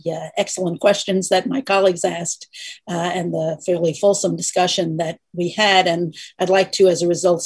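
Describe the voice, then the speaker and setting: A woman commissioner making formal meeting remarks in a halting, deliberate way. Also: fairly low pitch, husky, no echo. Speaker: government commissioner.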